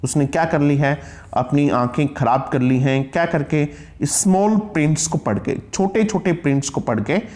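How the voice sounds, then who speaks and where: A man's voice: a little high, normal speed, a little mellow. A middle-aged man teaching English grammar, asking questions and reading example sentences word by word. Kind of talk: classroom lecture.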